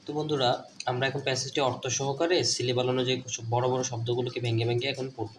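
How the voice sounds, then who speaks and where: A man's voice: medium pitch, little pitch movement, fast, echoey room, a little hiss or hum, low-quality recording. A man from Bangladesh teaching an online English lesson, patiently spelling words letter by letter and explaining their meaning.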